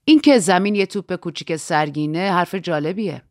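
A woman's voice: on the low side, animated, no room sound, studio quality, close to an everyday voice. Woman reading a blunt, sardonic man.

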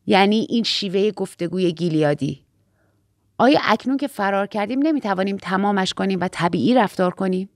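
A woman reading a first-person story aloud, at a middle pitch for a woman, and with a measured, steady delivery. The recording is dry and close, with no room echo at all. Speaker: audiobook narrator. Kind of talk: scripted first-person narration.

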